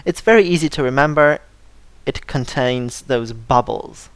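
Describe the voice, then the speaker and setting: An English teacher presents a scripted vocabulary lesson, slowly and carefully repeating word lists for learners and stressing syllables to model pronunciation. The voice is smooth and medium in pitch, and the recording is dry.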